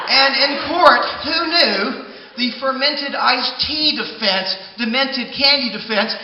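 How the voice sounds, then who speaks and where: A man telling a comic tall tale on stage, with punchy delivery and loud outbursts. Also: very high-pitched. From southeastern United States. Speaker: professional storyteller. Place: stage at a live storytelling contest. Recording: distant, dull, noisy hall recording.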